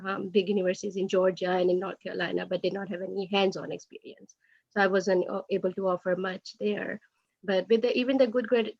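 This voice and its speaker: A woman speaks on an online panel in a friendly, upbeat way. Her voice sits at a middle pitch. The audio is dry and dull, like a lo-fi recording. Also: dry recording. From United States. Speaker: resident panelist.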